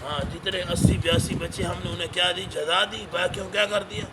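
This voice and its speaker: A man with a high-pitched voice reciting verses in a measured chant, then breaking each phrase down and quizzing his class as he goes. Traffic and street noise hum clearly behind him. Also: steady tone. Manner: recites Arabic verses, then explains them line by line with teacher's questions. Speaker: Quran teacher. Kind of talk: Quran translation lesson. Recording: noisy recording with traffic behind.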